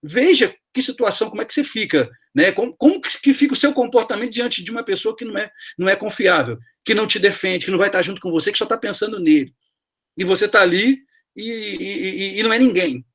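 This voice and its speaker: A man's voice: high voice, fast, fairly bright tone, slightly rough. A middle-aged man with a Brazilian Portuguese accent, an HR professor telling workplace stories in a chatty live class over a video call, with many tag questions. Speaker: guest HR professor. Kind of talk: live class conversation, storytelling.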